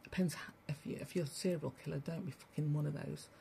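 A woman's voice: sits low, fairly even intonation, fast, creaky, warm tone, a little hiss or hum. A woman giving a blunt, preachy spiritual monologue to listeners she calls family, swearing freely as she rants. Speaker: spiritual broadcaster. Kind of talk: ranting livestream monologue.

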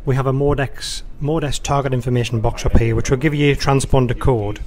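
An air traffic controller with a slightly mellow, mid-range voice speaks briskly in a fairly even tone. Beside a touchscreen in an indoor control room or workstation, he gives an informal, conversational instructional walkthrough sprinkled with radio phraseology.

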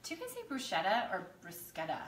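A woman's voice: medium pitch, huge pitch swings, fast talker, fairly bright tone, reverberant. A woman co-hosting a casual chat while mixing drinks, bubbly and self-deprecating. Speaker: co-host.

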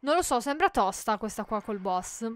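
A woman's voice: a little high, animated, normal speed. A woman playing a video game and commenting, chatty and jokey, shrieking in panic when things go wrong. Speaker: gaming YouTuber. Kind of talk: let's play commentary.

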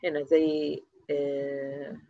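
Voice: medium pitch, level tone, takes it slowly, gravelly, dark tone, dry recording. A teacher with an Egyptian Arabic accent, in the middle of their range, runs through grammar review points. The teacher keeps asking small quiz questions and then answers them, and drills example words one at a time. The recording is dry and slightly muffled.

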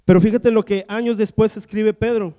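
Man, pastor preaching, storytelling, acts out dialogue, high voice, long hall reverb. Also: fairly even intonation, brisk, warm tone. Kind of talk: sermon. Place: church hall.

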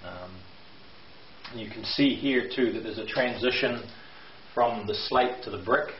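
In an indoor, bare brick basement, a middle-aged renovation contractor films a video tour on a handheld camera, explaining the construction work in a mid-range voice at a slightly slow pace, hesitant and full of fillers. The recording is echoey and dull, lo-fi with faint hiss.

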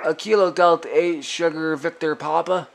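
Amid radio hiss and static in a noisy room, a man at an indoor radio desk trades call signs and signal reports as an amateur operator, repeating his phrases. His voice is on the high side and creaky, with a steady tone at a normal speed.

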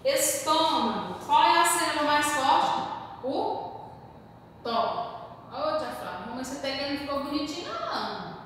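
A Brazilian woman teaching young children, slowly and carefully spelling out words and stressing their strongest syllables as she corrects exercises. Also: high voice, sing-song, a bit bright. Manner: slow, careful word-by-word dictation, stressing syllables; calls herself "tia" in the third person. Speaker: primary school teacher. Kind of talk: remote class lesson, correcting exercises. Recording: distant mic in echoey room with faint hiss.

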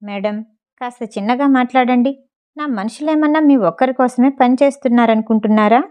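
A woman's voice: a little high, brisk, a little mellow, natural voice. A woman voicing a sneering male hired thug who talks in a mocking, irritated way over the phone.

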